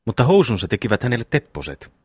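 A man reading the part of a strong, quiet brother in an audiobook, terse and stern. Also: mid-range voice, sing-song, breathy edge, dry recording.

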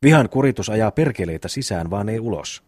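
A man's voice: fairly low pitch, animated, a little mellow, no room sound. A man reading the lines of a pious, sanctimonious peasant brother who preaches and sighs. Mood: preachy. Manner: preachy, sighing.

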